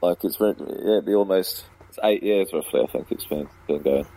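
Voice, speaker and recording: A man's voice: low-pitched, normal speed, creaky, mellow, no echo, low-quality recording. A man, a comedy club promoter and compere, chatting as a guest on radio in a rambling way, laughing often and filling with ums. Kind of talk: casual radio chat. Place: radio studio.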